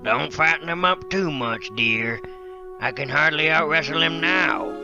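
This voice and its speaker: Elderly uncle, male actor, fond and teasing, creaky slow voice, hammy radio-play warmth over music. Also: a little high, dull audio. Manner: folksy, gently ribbing. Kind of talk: hammy dramatic reading. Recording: music behind the voice.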